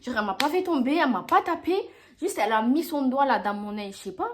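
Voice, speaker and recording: Animated young woman telling a story. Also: high voice, fast talker, slight background noise. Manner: animated, dramatic retelling with acted-out quotes. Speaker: vlogger. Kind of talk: storytime vlog.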